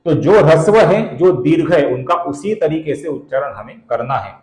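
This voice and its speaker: A man teaching the pronunciation of verses, speaking slowly and deliberately and stretching out syllables, and addressing viewers as friends. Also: fairly high pitch, animated, darkish tone, reverberant, low-quality recording. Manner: slow and deliberate, stretching out syllables when he chants. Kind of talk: slow, careful recitation lesson.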